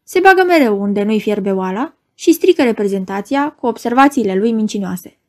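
A woman's voice: mid-range voice, lively intonation, natural voice. A woman voicing a lanky, mocking male magician's assistant with a bleating, goat-like voice and a sneering way of talking.

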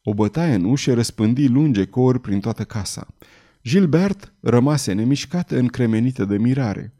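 A man narrating a novel as an audiobook in a measured, dramatic storytelling manner. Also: mid-range voice, lively intonation, mellow.

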